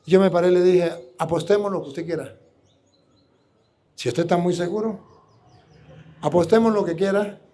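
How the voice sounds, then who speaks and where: Priest, man, high voice, preaching live, combative and full of rhetorical questions. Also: mellow.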